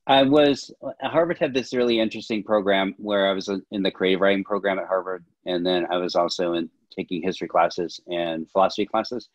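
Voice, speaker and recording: A man in his fifties, both a film director and a history professor, gives long reflective answers in a video-call interview from a small room at home. His voice is low, fairly even in intonation and a little fast with few pauses. The laptop webcam yields dry, dull lo-fi video-call audio.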